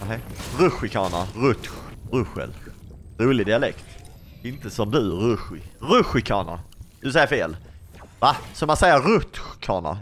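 A man's voice: mid-range voice, fairly bright tone, slight background noise. A young man giving casual gameplay commentary as a YouTuber, chatty and playful, often asking his viewers questions. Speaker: gaming YouTuber.

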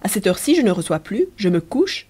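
A woman's voice: medium pitch, sing-song, brisk, a little mellow, slightly rough. A woman reading the part of a playful young wife with a teasing, arch manner.

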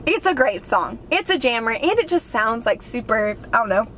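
A woman's voice: a little high, sing-song, normal speed, a bit bright, a little hiss or hum. A young woman in her twenties chatting in a heartfelt, gushing way, filled with "like", as she talks to a camera in a car. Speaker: vlogger. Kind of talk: casual chat. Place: inside a parked car. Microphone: camera on the dashboard.

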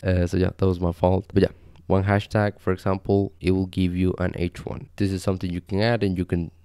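A young man from Costa Rica hosting a casual screen-share coding tutorial, talking in a relaxed, conversational way with frequent fillers. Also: low-pitched, clean tone, no room sound, studio quality. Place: small home desk setup indoors.

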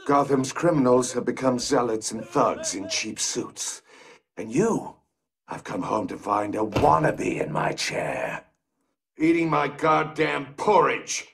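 An actor playing an arrogant older crime villain in a video game, gravelly, theatrical, taunting and condescending. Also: male voice, mid-range voice, lively intonation, slow, fairly bright tone, heavily acted. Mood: indignant, menacing.

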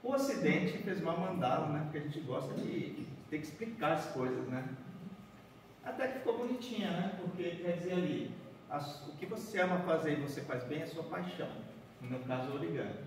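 A man in his forties from Bahia, Brazil, gives an origami workshop talk to a seated group in a large conference room, walking and folding paper while chattily checking in with "né?" and "certo?". His high-leaning voice is brisk with lively intonation. A distant room camera, with no visible mic, captures an echoey hall and background noise.

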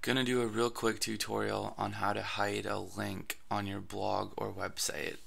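This screen-recorded blogging lesson is hosted by a man whose voice is raspy from allergies and whose casual speech is scattered with fillers and restarts. He speaks at a fairly low pitch, level and at a moderate pace, with a fairly bright tone.

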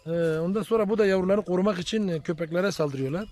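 A man's voice: high-pitched, fast talker. A man, a shepherd, chatting to viewers in a casual vlog while herding his flock, filmed on a handheld phone outdoors. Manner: chatty, addresses viewers as friends, calls loudly to animals. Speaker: shepherd vlogger. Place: outdoors in open countryside with sheep and goats.

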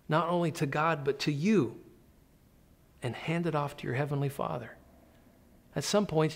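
A man in his fifties, a pastor, preaching a sermon in an earnest, conversational way and slowing down to stress key lines. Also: on the high side. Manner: earnest, conversational preaching with slow emphatic pauses. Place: indoor church office set.

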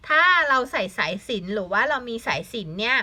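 A woman's voice: mid-range voice, very animated, fast talker, bright, forceful tone. A young woman teaching a language lesson to children, patiently spelling words letter by letter, asking the class questions and adding English glosses.

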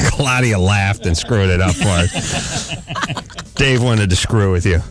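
A man's voice: lowish voice, slow, music in the background. A man hosting a comic talk radio show, making wry, musing asides and laughing often. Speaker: host. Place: radio studio.

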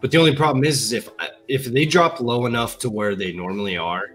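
A young man sits in a gaming chair in an indoor room hosting a relaxed livestream, reading viewer comments aloud and chatting into a headset mic. His medium-pitched voice is fairly bright and brisk, with soft music in the background.

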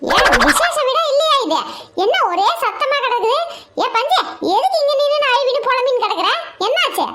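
Shrill, mocking village wife. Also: male voice, big pitch swings, moderate pace, pushed and bright, exaggerated voice. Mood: scornful. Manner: scolding, mocking, laughing through lines. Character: sharp-tongued brash young village wife. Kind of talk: comedy skit acting.

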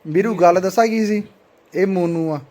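ਉੱਚੀ ਸੁਰ ਵਾਲਾ ਛੇੜਖਾਨੀ ਕਰਦਾ ਪੰਜਾਬੀ ਬੰਦਾ. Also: male voice, normal speed. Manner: teasing, wheedling, switches between loud coaxing and low confiding tones. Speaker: prank video host. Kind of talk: teasing comic banter.

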